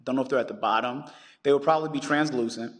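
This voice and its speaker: A man who is a science teacher, chatting on a podcast as a guest and telling stories with animated energy. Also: mid-range voice, fast talker, long reverb tail. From United States. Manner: animated storyteller, acts out callers in quotes. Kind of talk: casual podcast chat.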